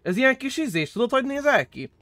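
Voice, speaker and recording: A young man streaming a role-play game, chatting casually and excitably with friends, swearing often and jumping into high squeals. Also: no echo, studio quality. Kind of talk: casual gaming chat with friends.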